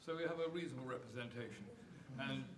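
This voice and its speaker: An older man, serving as club chairman, gives an informal welcome speech in an echoey hotel meeting room, rambling a little and hesitantly repeating words. His voice sits in the mid range and he talks fast. The recording has room echo, a distant mic, and faint noise.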